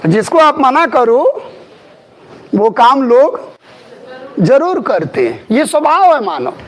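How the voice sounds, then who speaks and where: A man's voice: extremely high pitch, very animated, slow. A middle-aged man giving a classroom history lecture. He talks emphatically, repeats key terms and asks his students questions. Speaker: history teacher.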